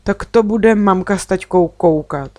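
A woman putting on a bright, eager little girl in a spoken storybook, firing off quick pleading questions in a raised voice. The sound is close and dry. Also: medium pitch, no echo, natural voice. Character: lively curious young girl, eager and pleading.

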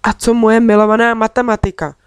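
A woman's voice: on the high side, level tone, clear, resonant tone, no echo. Woman reading a children's story, dry. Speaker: audiobook reader.

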